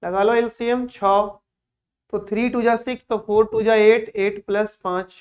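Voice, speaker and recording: A man's voice: high-pitched, flat delivery, unhurried. A man teaching math in a lecture, joking with his students between steps of working. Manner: playful, teasing asides between calculations. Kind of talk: classroom lecture.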